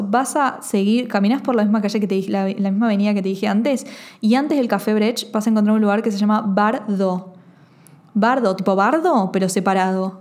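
Young woman, Rioplatense accent, mellow voice, chatty travel vlogger who gushes and repeats herself. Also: medium pitch. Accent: Rioplatense Spanish. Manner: chatty, gushing, repeats phrases. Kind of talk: casual travel recommendations.

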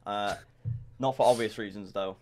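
A teenage lad co-hosting a podcast among friends. His voice sits on the low side, and he chats in a loose, joking way, trailing off into ums now and then. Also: steady tone, moderate pace, a little mellow. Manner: joking, chatty, drifts off with fillers. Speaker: podcast co-host. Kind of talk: casual chat.

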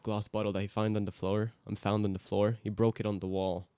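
Relaxed teenage guy with low voice. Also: a little fast, smooth, no room sound. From Hungary. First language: Hungarian. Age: teens. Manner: relaxed, rambling storytelling with fillers. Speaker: guest. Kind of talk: casual podcast chat.

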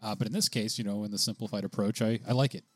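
A man's voice: lowish voice, steady tone, very fast, no echo, faint music behind. A man co-hosting a casual gaming podcast, chatty and laughing often as he reads rules aloud. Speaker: podcast co-host.

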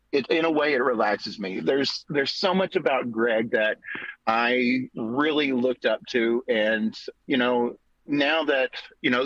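A man speaking as a guest in a casual personal tribute, with hesitant, halting phrasing, over a video call. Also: medium pitch, a bit bright, dry recording. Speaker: guest, podcaster and DJ. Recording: dull dry video-call audio.

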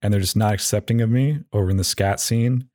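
The man running this casual solo podcast has a fairly low, darkish voice, recorded up close and dry with no room sound. He rambles haltingly and doubles back often, cracking slightly goofy, self-mocking jokes.

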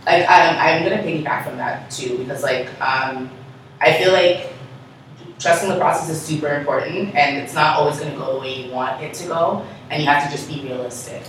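A woman's voice: sits low, brisk, slight background noise. A woman co-hosting a casual podcast as an event planner, enthusiastic and full of "like" fillers. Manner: enthusiastic, filler-heavy, says "like" often. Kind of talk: casual chat. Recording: echoey room, mic at a distance.

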